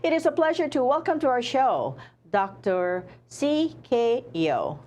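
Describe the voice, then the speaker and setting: A woman hosting a talk show, speaking hesitantly with frequent pauses as she interviews a guest. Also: a little high, very animated. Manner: hesitant, many uh fillers, warm praise. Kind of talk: casual interview.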